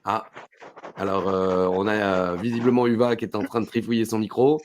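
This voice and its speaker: A man's voice: on the low side, flat delivery, normal speed, a little hiss or hum. A man hosting a podcast in casual banter, teasing dryly with many fillers. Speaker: podcast host.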